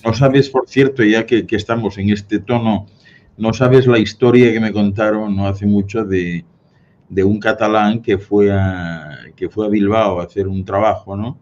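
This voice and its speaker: A man from Spain with a neutral Spanish accent speaks in a fairly low voice, chatting easily as a guest. He tells his anecdotes in a storytelling way and laughs at his own jokes. The recording sounds dull and lo-fi, with faint background noise. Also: fairly even intonation, unhurried, darkish tone. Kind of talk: casual conversation.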